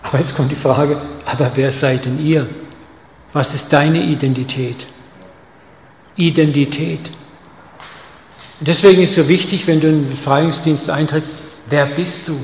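A man preaching a sermon, speaking straight to his listeners with rhetorical questions, dropping soft and then pushing lines out with stress. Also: on the high side, steady tone, moderate pace, long pauses, slight background noise. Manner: emphatic, direct address with rhetorical questions; swings between soft intimate lines and loud stressed ones. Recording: echoey hall with long reverb.

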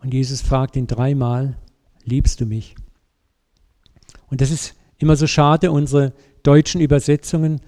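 A man preaching a sermon, telling a story with lively, vivid asides and speaking directly to his congregation. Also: mid-range voice, normal speed, few pauses.

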